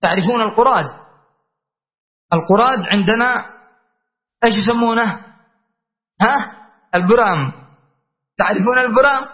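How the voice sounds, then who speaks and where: A man's voice: high voice, normal speed, long pauses. A man teaching a classical grammar lesson, explaining patiently and checking in with his students. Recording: dull lo-fi recording.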